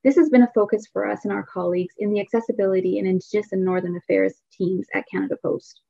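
A woman's voice: medium pitch, steady tone, fast talker, vocal fry, warm tone, dry recording, highs cut off. Woman giving a formal keynote. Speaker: keynote speaker. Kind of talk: prepared presentation.

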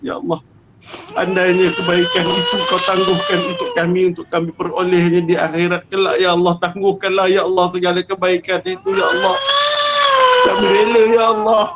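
A Malaysian male preacher with a high voice leads a fervent prayer. He pleads, sobs, and cries out by turns. The live-stream audio is dull and lo-fi, and loud noise sits under his voice. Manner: fervent, sobbing pleas that swing to shouts. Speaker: religious preacher. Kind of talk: tearful impassioned prayer and advice on a live stream.

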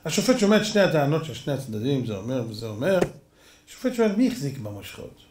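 High-voiced, gravelly male rabbi, emphatic preacher, echoey hall. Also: sing-song, darkish tone. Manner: emphatic, rhetorical questions, acts out stories. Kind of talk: sermon.

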